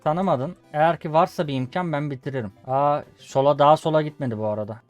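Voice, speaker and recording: A young man talks over his own gameplay in a loose, swearing let's-play style, forever calling on viewers to watch. His voice sits slightly high for a man, and soft game music plays quietly under it. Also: a little fast. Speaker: gaming YouTuber. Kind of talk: casual let's-play commentary. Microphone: desk USB condenser microphone.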